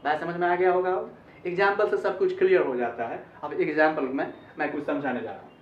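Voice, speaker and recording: A man's voice: fairly high pitch, steady tone, brisk, slight background noise. A man teaching an online English grammar lesson, explaining in Hindi, repeating phrases and checking with "ठीक है?". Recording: echoey, distant, dull-sounding recording.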